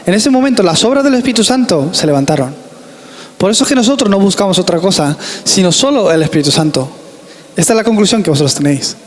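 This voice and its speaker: High-voiced Spanish man preaching earnestly. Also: expressive, fast. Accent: Spanish from Spain. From Spain. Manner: earnest, emphatic preaching with repeated phrases. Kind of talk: sermon. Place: church hall. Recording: reverberant church hall.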